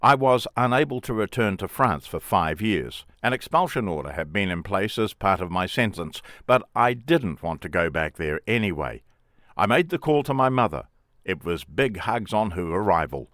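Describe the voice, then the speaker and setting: A middle-aged man reads his memoir aloud, his very low voice rising and falling with lively movement. The telling is plain and wryly matter-of-fact, recorded close and dry with no room sound. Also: dry recording. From England. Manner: plain, wry first-person storytelling. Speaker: memoir author and narrator.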